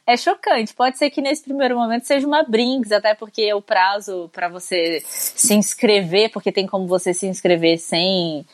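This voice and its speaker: A woman's voice: mid-range voice, normal speed, no echo. A Brazilian woman co-hosting a talk show, chatting in a casual conversational way with frequent tag questions, sounding sleepy. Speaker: co-host. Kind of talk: casual news commentary.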